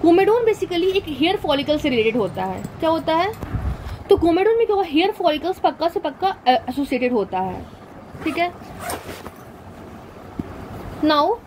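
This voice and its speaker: Woman teacher walking thru a lecture, high voice, keeps checking "theek hai na", quiet traffic outside. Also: very animated, measured pace, long pauses, rough recording. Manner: explains step by step, asks and answers her own questions; draws diagrams while talking, frequent "theek hai na". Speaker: medical lecturer. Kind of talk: classroom lecture, mixing Hindi and English.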